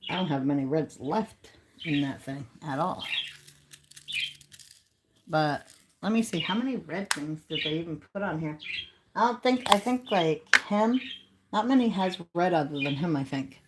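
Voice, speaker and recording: A woman's voice: fairly low pitch, background noise. A woman chatting casually on a live stream and talking straight to her viewers in a folksy, easygoing way. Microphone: phone.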